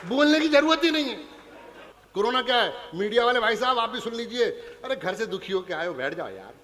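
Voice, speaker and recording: Recorded live in a big hall with an audience, a comic poet from Punjab jokes at the crowd's expense between lines of humorous verse. His pitch is extremely high and swings widely, and his delivery is brisk. Background noise is present.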